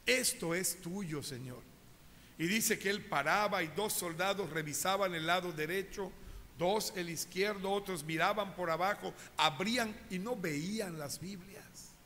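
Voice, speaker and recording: Male pastor, animated storyteller, high bright voice, echoing church. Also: moderate pace, a little hiss or hum. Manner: animated storytelling, addresses congregation directly. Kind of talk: sermon. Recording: reverberant church hall.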